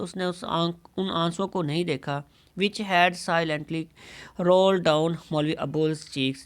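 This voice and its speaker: A man teaching English who reads a story aloud slowly, phrase by phrase, then explains each line more quickly and often corrects himself. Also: on the high side, a bit bright. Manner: addresses students as "son".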